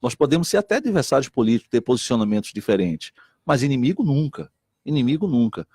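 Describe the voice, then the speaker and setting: In a clean, dry studio recording, a middle-aged Recife native who serves as state deputy and missionary pastor speaks quickly in a breathy mid-range voice. His animated talk-show remarks are earnest and repetitive, with lively impressions when he quotes people.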